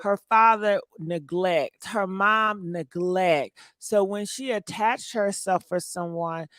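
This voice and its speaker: A woman's voice: mid-range voice, slow pace, fairly bright tone, dry recording, studio quality. A woman hosting a live call-in show, teasing the caller in a playful, slangy way. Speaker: radio host.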